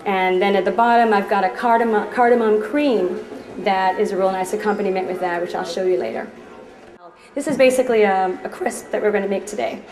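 Her voice medium in pitch and a little mellow, a Trinidadian woman in her thirties talks a little fast while cooking live for shoppers in a department store demo kitchen. As the chef, she keeps things chatty and upbeat, joking with onlookers over the echoey store floor.

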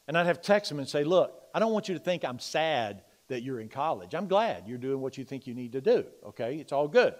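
A middle-aged male pastor preaching a sermon in a church. He moves between loud, emphatic preaching and quiet, confiding personal stories. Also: on the high side. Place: church sanctuary.

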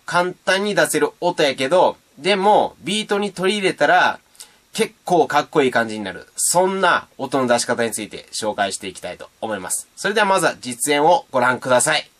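A man's voice: on the high side, lively intonation, brisk, fairly bright tone. A man giving a casual, playful beatbox tutorial and demonstrating sounds as he explains. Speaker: beatbox teacher.

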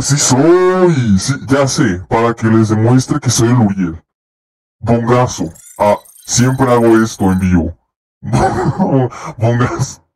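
A man's voice: medium pitch, darkish tone. Rambling streamer man. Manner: rambling, swearing, reacts to chat. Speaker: livestreamer. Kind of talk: casual live stream chat. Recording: faint music behind.

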